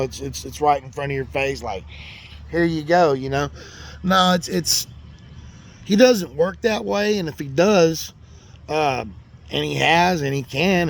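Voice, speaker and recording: A man's voice: a little high, a little hiss or hum. A middle-aged man telling a rambling, earnest story, full of "man" and "you know". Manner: folksy and earnest, talks about faith. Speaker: host. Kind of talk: casual storytelling monologue.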